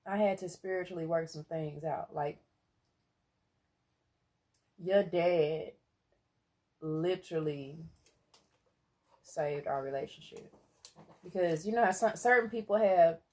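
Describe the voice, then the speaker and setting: Low-voiced woman chatting over a meal. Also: takes it slowly, long pauses. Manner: earnest and emphatic, with bursts of loud exclamation. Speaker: mukbang co-host. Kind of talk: casual chat while eating. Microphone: close mic for eating sounds.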